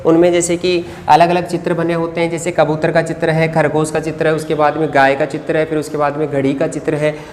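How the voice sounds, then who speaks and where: A Hindi teacher gives an exam-prep lecture while writing on a board. The teacher asks the class questions, answers them, and dictates notes slowly word by word. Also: medium pitch. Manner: addresses viewers as friends. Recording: reverberant room with faint background noise.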